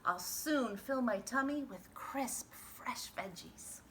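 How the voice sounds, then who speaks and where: A woman voicing an excitable, stubborn man gardener from a storybook, emphatic and exclaiming. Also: on the high side, slow, background noise, voice pushed up. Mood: eager, gleeful.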